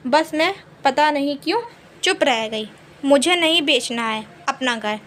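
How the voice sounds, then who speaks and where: A woman's voice: sits high, fairly bright tone, slight background noise. A woman playing a stern older mother-in-law. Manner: stern, growling.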